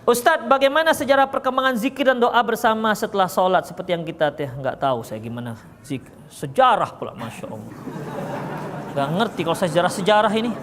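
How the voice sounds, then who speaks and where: A man's voice: sits high, expressive, brisk, a bit bright. A man giving a religious study lecture, explaining with a joking, teasing manner and answering questions from the audience. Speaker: religious teacher. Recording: echoey hall, faint background noise.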